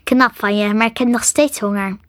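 A woman's voice: mid-range voice, fairly even intonation, moderate pace, a bit bright, no room sound, clean studio sound, lightly acted. A woman doing a growling hungry dragon. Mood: sulky. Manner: growling, grumbling. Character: hungry grumbling female dragon, sulky. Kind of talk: storybook reading.

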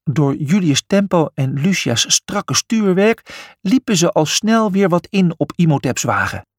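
A man's voice: a little high, big pitch swings, measured pace, no room sound, clean studio sound. A man narrating a children's adventure story, reading expressively.

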